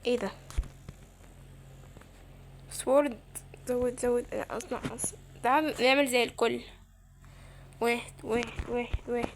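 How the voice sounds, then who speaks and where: A woman's voice: a little high, steady tone, moderate pace, pauses often, slight background noise. A woman with an Egyptian Arabic accent giving playful, chatty let's-play commentary and talking to her viewers. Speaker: gamer.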